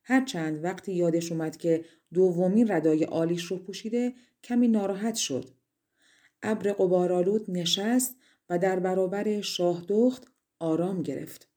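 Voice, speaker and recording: A woman from Iran narrating a fairy tale audiobook in a measured storytelling manner. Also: on the low side, mellow.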